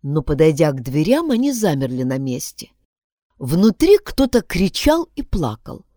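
A woman narrating a children's storybook with a dramatic, expressive reading. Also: sits low, measured pace, no echo, studio quality. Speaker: audiobook narrator.

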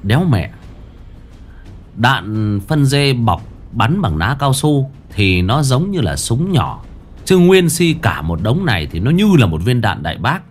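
A man narrating a ghost story in a dramatic, lively way. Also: medium pitch, measured pace, breathy edge, faint music behind.

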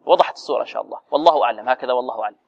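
A man's voice: medium pitch, racing, gravelly. A man teaching Quran recitation, correcting students and drilling sounds with rhetorical questions, recorded in a dull echoey hall. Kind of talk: tajweed lesson, correcting students.

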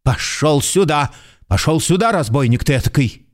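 Anxious clerk, radio drama, male actor; wildly swinging intonation, pleading turning to shouted insults. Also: on the high side, animated, moderate pace, lightly acted. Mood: furious. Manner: agitated, pleading, bursts into shouting abuse. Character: nervous, excitable middle-aged male clerk.

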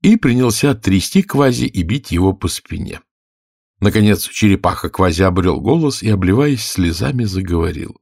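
A man narrating a fairy-tale audiobook with expressive, animated reading. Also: low voice, normal speed, vocal fry, slightly rough, dry recording, clean studio sound. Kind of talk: storybook narration.

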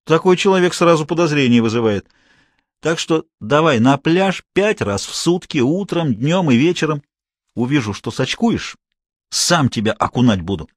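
A scornful, irritable crime boss barks orders and lectures his henchman, voiced by a man reading the story. The voice rides up high and swings widely, recorded dry and close. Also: expressive, moderate pace, dry recording. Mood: bossy.

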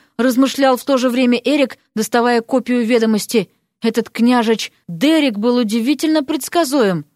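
A woman narrating an ironic fairy-tale audiobook in a lively, storytelling manner. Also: a little high, no echo, clean studio sound.

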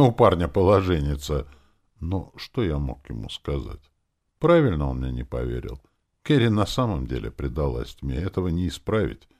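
A man's voice: very deep voice, creaky, a little mellow. A man narrating a first-person fantasy audiobook in a wry, conversational way.

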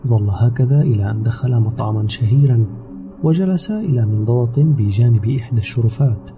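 A man narrating an audio novel in a steady, measured storytelling manner. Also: mid-range voice. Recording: slightly dull recording with background music. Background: soft music.

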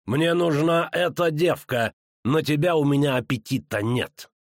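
A man voicing a menacing older male bounty hunter who taunts slowly and mockingly. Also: fairly high pitch, no echo, clean studio sound, pitched above the performer's own voice. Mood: sneering. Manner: slow, sneering, drawn-out taunts.

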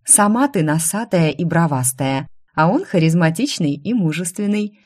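A woman's voice: lowish voice, animated, moderate pace, a little mellow. A woman voicing a playful, teasing young woman, the older sister in a storybook.

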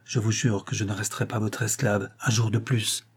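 A man's voice: lowish voice, little pitch movement, brisk, breathy edge. A man voicing a proud, fiery young woman who defies her husband, speaking with heated defiance. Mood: defiant.

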